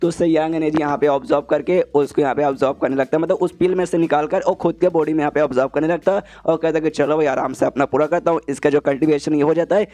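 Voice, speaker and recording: A man rattles through a story recap at a rapid clip, his voice sitting a little high. He retells every exchange in loose, chatty narration, padded with filler phrases. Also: fairly even intonation, warm tone.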